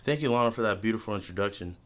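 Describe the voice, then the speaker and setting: A man interviewing, reading out scripted questions briskly. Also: fairly low pitch, a bit bright, a little hiss or hum.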